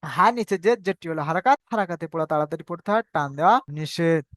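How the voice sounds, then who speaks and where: A man teaching Quran recitation in an online class, patiently repeating rules and spelling out sounds slowly. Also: a little high, animated, a bit bright, dry recording. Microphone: video call.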